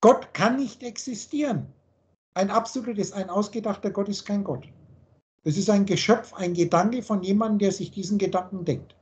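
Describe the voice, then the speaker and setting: A man's voice: sits high, normal speed, a little mellow, highs cut off. Man lecturing on a video call. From Germany. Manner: explains word meanings letter by letter, lecturing. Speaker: spiritual teacher.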